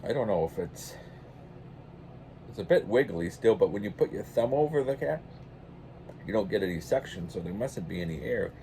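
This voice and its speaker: An older man telling a meandering story in a quiet, low-key way, with lots of restarts. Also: lively intonation, normal speed, pauses often, a little hiss or hum. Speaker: pipe-smoking channel host. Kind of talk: casual rambling anecdote.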